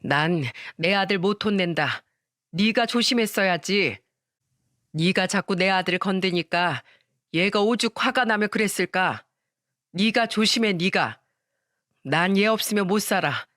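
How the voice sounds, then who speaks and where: A woman's voice: mid-range voice, unhurried, fairly bright tone, no room sound, studio quality, close to an everyday voice. A woman voicing a harsh middle-aged mother who scolds her daughter and favors her son, in a storytelling radio show. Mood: cold scolding. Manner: scolding, cold and dismissive.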